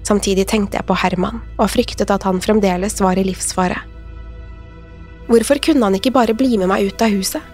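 Woman reading a spooky story, mid pitch, calm and tense, soft music under it. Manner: measured, suspenseful first-person telling. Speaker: podcast narrator. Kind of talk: scripted horror narration.

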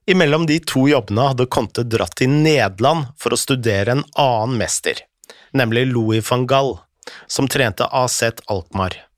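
Lively narrator telling a story, dry sound. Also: medium pitch, no echo.

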